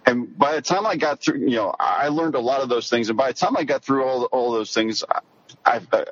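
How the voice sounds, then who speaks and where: A middle-aged man with an American accent telling stories in a halting, rambling way in a casual interview. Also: mid-range voice, no room sound, lo-fi sound. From rural Missouri, United States. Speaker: podcast guest, sword-fighting hobbyist.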